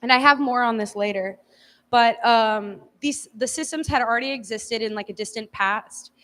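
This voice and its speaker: A woman's voice: a little high, normal speed, a bit bright. A woman giving an informal lecture to a class in a casual, hedging way, speaking in a large echoey room. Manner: casual, hedging, often says like. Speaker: teacher leading a class. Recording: echoey hall, long reverb.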